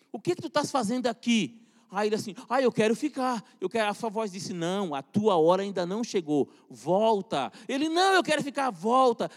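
High-voiced fervent male preacher, echoing hall. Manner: fervent, rising and falling emphasis. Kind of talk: sermon. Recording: long hall reverb.

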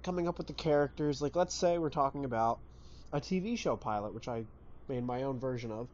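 A man's voice: mid-range voice, expressive, brisk, a little mellow. Man co-hosting, dull lo-fi podcast sound. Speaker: podcast co-host. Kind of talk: casual chat. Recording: dull lo-fi sound, faint background noise.

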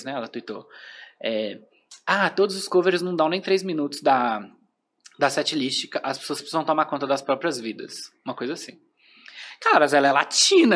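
A Brazilian man with a Brazilian Portuguese accent chats as a podcast guest, spinning an animated story packed with filler phrases. His voice sits at a middle pitch but swings widely, rising and dipping as he goes. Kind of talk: casual podcast chat.

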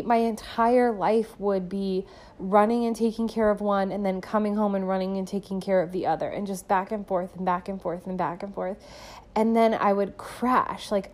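A woman's voice: medium pitch, a little mellow. A young woman hosting a podcast and talking casually about her own experiences, with lots of fillers and frequent laughs. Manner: chatty, filler-heavy, laughs often. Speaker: podcast host and musician. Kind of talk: casual personal monologue.

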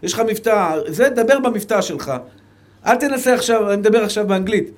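Fervent Israeli rabbi, high-pitched. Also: male voice. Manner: fervent, swings from soft low asides to raised emphatic calls. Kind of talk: Torah lecture.

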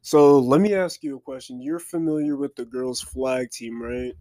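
A man's voice: medium pitch, moderate pace, warm tone. A man interviewing a student athlete with plain, direct questions.

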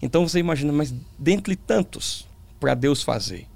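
Casting: Brazilian male preacher, gravelly fry, lisped sibilants, thoughtful conversational delivery with emphatic repetition. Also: fairly high pitch, lively intonation, normal speed, a little mellow. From Brazil, small town in the interior. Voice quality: tongue-tied lisp, slurred sibilants. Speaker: preacher, interview guest. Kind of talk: conversational religious testimony.

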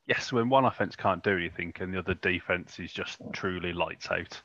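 A low-voiced man hosts a casual sports podcast, rambling and poking fun at himself, with plenty of ums and uhs. The sound is dry and a little dull, like a basic home mic. He keeps things loose and chatty. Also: fairly quick, bright, forceful tone, dry recording. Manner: rambling, self-mocking, frequent fillers. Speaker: podcast host.

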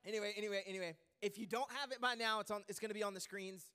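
A man preaching a sermon as a pastor, lively and joking, rambling with fillers and restarts. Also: sits high, rapid-fire, smooth.

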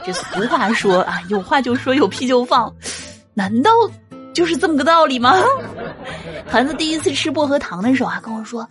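A mother in her thirties tells humorous family anecdotes in a monologue, speaking a little fast in a high, fairly bright voice with lively intonation. She often laughs between jokes. Faint music plays behind her, and a faint crowd can be heard.

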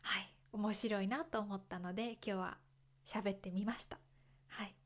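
A woman from Kyoto hosting a podcast for Japanese learners, speaking slowly and clearly, explaining gently and repeating examples. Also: mid-range voice, fairly even intonation. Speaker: podcast host teaching Japanese. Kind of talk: slow, clear talk for learners.

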